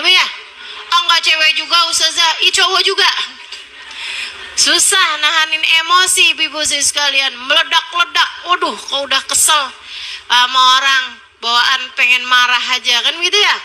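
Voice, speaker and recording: A woman preacher giving a lively, animated sermon to a women's study group, acting out quotes and shifting tone often. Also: sits high, slight background noise. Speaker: Islamic preacher.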